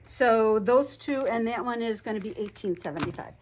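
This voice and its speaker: A woman giving a casual show-and-tell tutorial on her quilting projects, chatty, talking fast and a lot with frequent restarts. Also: a little high, noisy background. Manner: chatty, talks fast and a lot, self-interrupting. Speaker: quilt shop co-owner showing projects.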